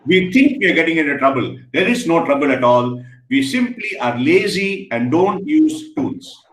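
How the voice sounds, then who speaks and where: A man giving an energetic online lecture, firing questions at students and praising their answers. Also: on the high side, moderate pace. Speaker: guest speaker. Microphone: video call. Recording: echoey room, faint noise.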